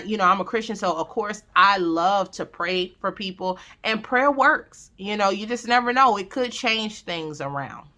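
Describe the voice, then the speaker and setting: A woman's voice: medium pitch, sharp tone. A woman with a Southern US country lilt gives casual, emphatic advice straight to viewers, repeating phrases for stress and checking in with listeners. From Southern United States. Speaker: vlogger giving family advice.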